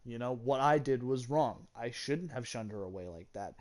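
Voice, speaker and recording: A man's voice: medium pitch, animated, normal speed, darkish tone. A young man candidly telling a personal story, swearing freely and sounding regretful. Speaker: gaming channel host.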